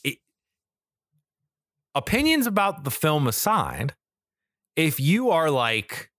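A fairly high, sing-song voice belongs to a podcast co-host who takes his time, sounding a bit bright in clean, echo-free studio audio. He chats enthusiastically about games and films, cursing freely and leaning on "like" and "right?"

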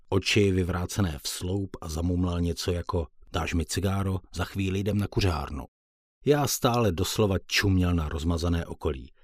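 A man's voice: low voice, a little mellow, breathy edge, dry recording, clean studio sound. A man reading a first-person audiobook in a plain, colloquial storytelling manner. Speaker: audiobook narrator.

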